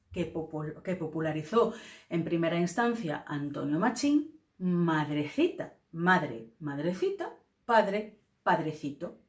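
Woman, Spain accent, Spanish teacher, slow careful delivery, roomy echoey recording. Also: mid-range voice. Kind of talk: explanatory grammar lesson.

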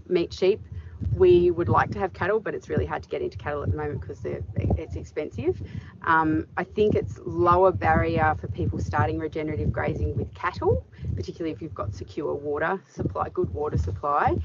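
A middle-aged woman farmer answering interview questions outdoors in a paddock, thoughtful and full of fillers. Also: deep voice. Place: open farm paddock outdoors. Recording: dull audio with clear background noise.

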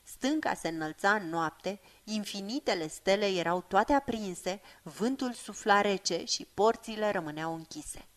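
A woman narrating a fantasy audiobook in a measured, expressive reading voice. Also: mid-range voice.

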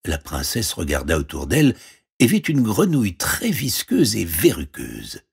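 A man reading a fairy tale aloud, expressive and playing every character. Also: low-pitched, measured pace, creaky, husky. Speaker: storyteller. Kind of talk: storybook reading.

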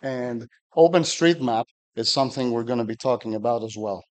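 A man's voice: medium pitch, brisk. A middle-aged man from Greece, giving a technical conference talk at a podium with dry humor and frequent fillers. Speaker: conference speaker.

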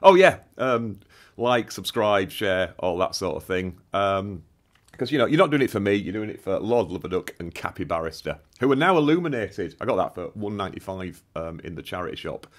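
A man's voice: sits low, animated, brisk. A British man and barrister, talking in a rambling, chatty vlog from indoors with frequent ums and self-mocking asides. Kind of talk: casual vlog talk.

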